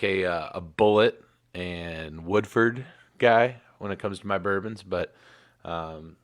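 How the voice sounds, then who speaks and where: A man's voice: sits low, dry recording, clean studio sound. A man in his thirties hosting a casual livestream sports show, laid-back and rambling with plenty of fillers. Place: home in Michigan.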